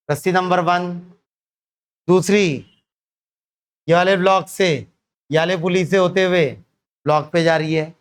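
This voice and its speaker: Man teaching physics with a high, smooth voice. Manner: asks students questions and answers them himself, calls them beta. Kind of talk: classroom lecture.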